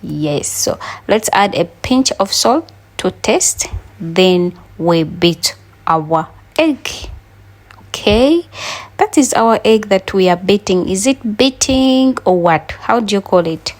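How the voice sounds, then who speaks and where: A Ugandan woman with a Ugandan accent cooks breakfast in a casual vlog, chatting to her viewers as she goes. Her mid-range voice is slow, with lively intonation.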